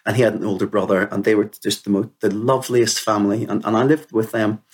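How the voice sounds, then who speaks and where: A man in his fifties from Northern Ireland, appearing as an interview guest, shares reflective personal stories in an earnest, conversational way, sprinkling in "you know." His voice is on the low side, flat and fast, with a breathy edge.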